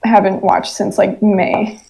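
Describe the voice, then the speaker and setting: A woman's voice: mid-range voice, flat delivery, takes it slowly, vocal fry, dark tone, a little hiss or hum, rough recording. Easygoing young woman, casual. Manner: easygoing, lots of fillers. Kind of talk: casual chat.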